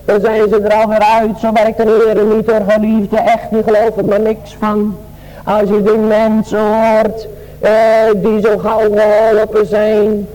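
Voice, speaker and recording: A male preacher delivers a sermon in a very high voice, chanting in a slow sing-song cadence. His line stays narrow in pitch, and he pleads with his listeners as beloved. Long church reverb hangs behind every phrase. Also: warm tone.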